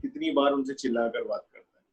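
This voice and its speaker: A man giving an earnest webinar lecture on raising children, asking rhetorical questions with impassioned swings between raised and hushed delivery. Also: medium pitch, a little fast, low-quality recording. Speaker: webinar speaker on parenting. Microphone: webinar call audio.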